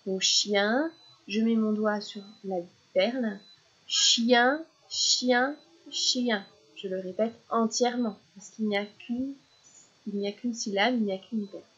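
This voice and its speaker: A woman teaching young children syllables in a slow, patient lesson, repeating each word clearly. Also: mid-range voice, steady tone, highs cut off.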